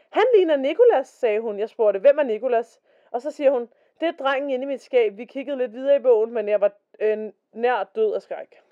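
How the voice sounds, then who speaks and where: A woman co-hosting a casual podcast, reading stories aloud and chatting. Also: a little high. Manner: chatty, reads quotes in a slower voice. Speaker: podcast co-host. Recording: dull lo-fi podcast recording.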